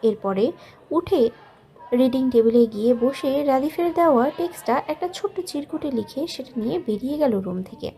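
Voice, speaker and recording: Sex: woman. Role: story narrator. Style: scripted narration. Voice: high. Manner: soft, measured, emotional. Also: lively intonation.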